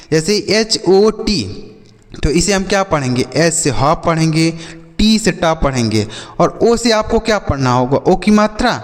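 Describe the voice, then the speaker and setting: A man's voice: a little high, long reverb tail. A man teaching a phonics lesson, spelling words letter by letter and asking questions that he answers himself. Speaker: English teacher.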